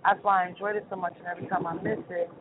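A woman's voice: on the low side, level tone, rapid-fire. A woman calling in over the phone from a train, chatty and effusive. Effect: over the phone, speakerphone. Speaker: call-in guest, singer. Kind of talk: casual chat. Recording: tinny phone line with faint noise.

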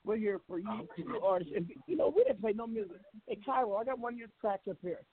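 Older guy hosting radio, high husky voice, keeps repeating himself, sounds like a phone line. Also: expressive, fast. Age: 60s. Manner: laughing, repeats words, stumbles. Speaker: radio show host. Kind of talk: casual radio chat. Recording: phone-line call-in audio.

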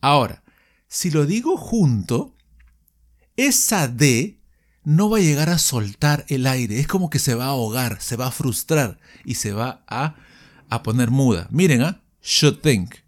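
A man teaching a podcast English lesson, lively and switching between Spanish and English, explaining patiently with examples. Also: medium pitch, unhurried.

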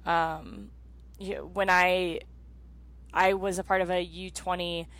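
A woman in her thirties with a somewhat low voice hosts a casual interview. She talks with empathy and often fills her phrases with "um" and "you know". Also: steady tone, slow, fairly bright tone, rough recording. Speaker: interview host, former soccer player.

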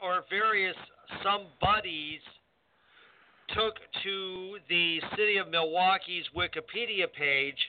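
A wrestling referee co-hosting a wrestling talk show chats casually on what sounds like radio, hesitant and full of fillers and restarts. His voice is high-pitched and slow, and the tinny, phone-like audio carries a little hiss or hum.

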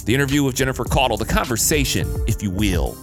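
A man's voice: mid-range voice, sing-song, fast. Emphatic, casual male podcast host. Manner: emphatic, repeats phrases for effect. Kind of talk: casual, slangy solo podcast monologue. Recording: music behind the voice. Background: music.

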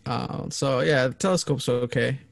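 A man's voice: mid-range voice, fairly even intonation, normal speed, creaky, no room sound. A man co-hosting a casual podcast, easygoing and filler-heavy as he chats. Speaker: podcast co-host.

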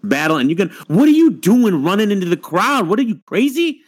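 A man's voice: high-pitched, big pitch swings, a little fast. A man talking casually with friends in short, emphatic, repeated exclamations. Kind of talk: casual group discussion.

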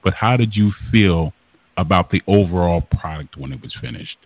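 Deep husky man on a phone line. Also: moderate pace, no echo. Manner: earnest, long winding questions. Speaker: interview host. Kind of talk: interview questions. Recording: dry tinny phone line.

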